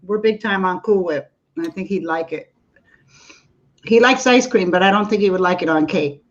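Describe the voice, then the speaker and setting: A woman co-hosting a baking show who chats in a relaxed, easygoing way. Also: medium pitch, normal speed, lo-fi sound. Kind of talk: casual live-stream chat.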